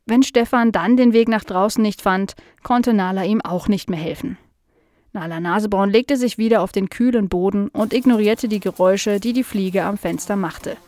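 Calm woman reading a children's story. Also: medium pitch, moderate pace, dry recording. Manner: calm, even, clear reading.

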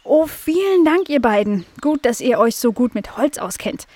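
A woman's voice: fairly high pitch, lively intonation, normal speed, a little mellow, no echo, voice pushed up. A woman voicing a curious, cheerful young female dog in a children's audio story, talking eagerly.

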